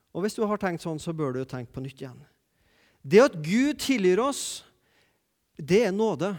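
A man preaching a sermon, emphatic, repeating key phrases and swinging between loud declarations and quiet asides. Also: sits high. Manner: emphatic, repeats key phrases, rises and drops sharply in loudness.

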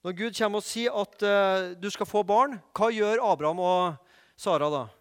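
High-voiced male preacher in an echoey hall. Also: smooth. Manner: lively storytelling with asides and questions to the audience. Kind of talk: sermon.

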